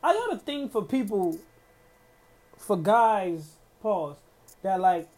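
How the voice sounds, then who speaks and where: A man's voice: high voice, big pitch swings, slow, darkish tone. A man hosting a casual solo podcast, ranting in a heated, profane way with lots of slang and fillers. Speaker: podcast host.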